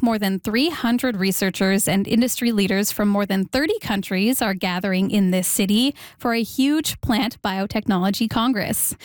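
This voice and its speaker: A woman hosting a radio interview, reading intros and asking questions in a clear, measured way. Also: medium pitch, no echo, studio quality. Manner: clear, measured scripted delivery. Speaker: radio host.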